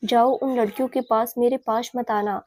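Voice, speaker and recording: A woman's voice: a little high, steady tone, normal speed, darkish tone, dry recording, natural voice. A woman narrator voicing an angry, possessive young woman who scolds her lover sharply.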